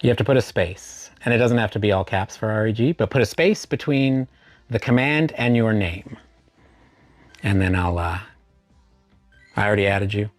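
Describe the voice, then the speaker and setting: A man's voice: fairly low pitch, moderate pace, pauses often, no room sound, soft background music. A man hosting a casual live stream, greeting viewers by name and spelling out chat commands.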